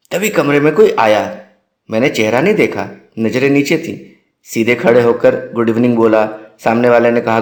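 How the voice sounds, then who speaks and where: A man narrating his own story in a wry, dramatic storytelling manner. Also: mid-range voice. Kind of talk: storytelling monologue. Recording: roomy echo.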